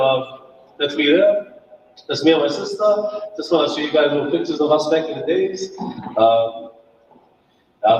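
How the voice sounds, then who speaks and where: In a muffled recording, a mid-range-voiced man from New Zealand delivers a laid-back, chatty guest talk, laughing as he jokes about himself. It was captured at a distance in an echoey event hall with some noise.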